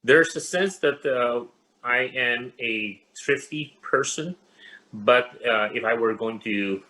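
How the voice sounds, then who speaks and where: A man from the Philippines, a pastor, answering interview questions in a measured way with many pauses and fillers. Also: mid-range voice, bright, forceful tone, rough recording. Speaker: interview guest. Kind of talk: casual interview.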